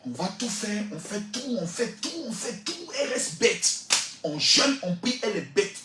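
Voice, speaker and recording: A man's voice: high voice, expressive, normal speed, very noisy. A man preaching a fiery, scolding sermon rant, repetitive and mocking.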